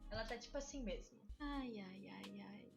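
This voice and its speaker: A woman's voice: mid-range voice, normal speed, creaky, faint music behind. A young woman from Brazil chatting casually to her stream viewers, exasperated and self-mocking. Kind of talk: casual gaming stream chat.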